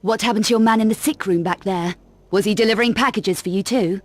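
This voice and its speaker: In a video game cut-scene, a woman voices a brash, cool adventurer heroine, her mid-range voice quick and close to everyday speech. She comes across curt, sardonic and defiant, with a businesslike, guarded mood.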